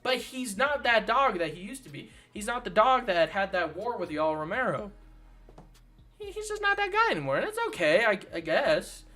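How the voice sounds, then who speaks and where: A man's voice: high-pitched, sing-song, moderate pace, bright, forceful tone. A man hosting his own channel, ranting about fighters in casual, sarcastic commentary full of swearing. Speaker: channel host.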